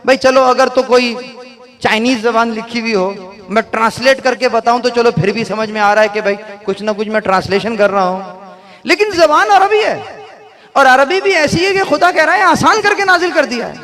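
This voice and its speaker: Man, very high voice, Pakistani Urdu accent, sermon at a mourning gathering, asks listeners questions, acts out phrasings. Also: moderate pace, bright, forceful tone. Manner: asks the audience questions and acts out phrasings to make his point. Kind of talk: religious sermon.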